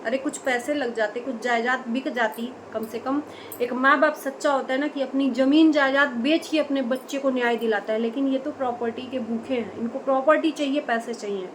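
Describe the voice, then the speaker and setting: Speaking fairly quickly in a high-pitched voice, this online commentator from India pushes her opinions hard in a vlog, leaning on rhetorical questions. Her rough recording carries noticeable background noise.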